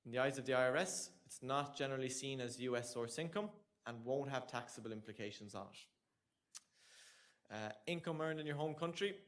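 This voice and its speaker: A young Irish man with an Irish accent presents a tax information session to students in a lecture room with an audience, keeping it conversational and joking. He speaks with a medium pitch at a moderate pace.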